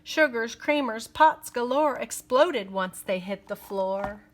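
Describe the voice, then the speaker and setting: A little hiss or hum sits under this reading of a children's picture book. The woman's voice is a little high, and she tells the story expressively and deliberately.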